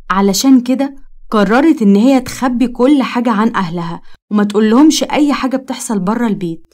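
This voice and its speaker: A woman's voice: medium pitch, darkish tone. A woman with an Egyptian Arabic accent narrating a moralizing story in a scripted storytelling style.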